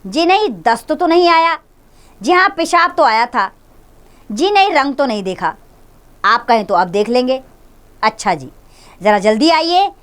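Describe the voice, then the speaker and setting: A woman's voice: high voice, big pitch swings, measured pace, long pauses, fairly bright tone, clear, resonant tone, exaggerated voice. A woman voicing a flustered father who hurriedly explains his son's stomach trouble, in a read-aloud play. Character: flustered father of sick boy.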